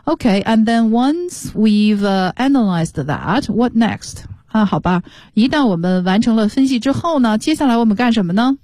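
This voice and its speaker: A woman's voice: on the high side, animated, moderate pace, few pauses, darkish tone, no room sound. A woman teaching English on a radio lesson, explaining patiently and spelling words out. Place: radio studio.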